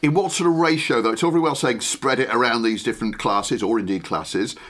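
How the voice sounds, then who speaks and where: A man's voice: medium pitch, a little fast, a bit bright. A man from northern England co-hosting a podcast, asking questions in a jokey, informal, chatty way. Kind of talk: casual chat.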